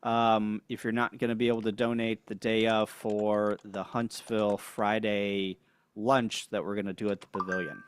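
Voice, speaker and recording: A man's voice: lowish voice, flat delivery, normal speed, a little hiss or hum. A man co-hosting a ham radio livestream in casual chat. He is laid-back, chuckles often and reads viewer comments aloud. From United States.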